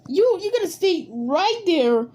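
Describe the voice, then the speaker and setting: Voicing quarrelling cartoon letters of the alphabet for a homemade animated skit, a woman ad-libs in a very high-pitched voice. Her lines come out hesitant and repetitive.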